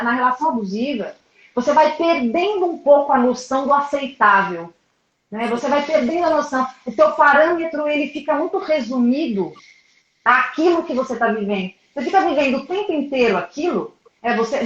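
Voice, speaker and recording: A woman's voice: sits high, fairly bright tone. Woman psychologist guest, earnest explainer, recorded in a roomy space with a muffled, lo-fi sound. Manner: earnest, repeats phrases for emphasis. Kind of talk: explanatory interview talk.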